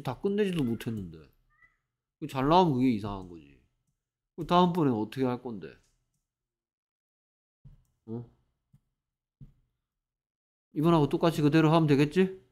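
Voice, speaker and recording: A man's voice: a little high, darkish tone. A man teaching an English grammar lesson, scolding students and acting out example sentences.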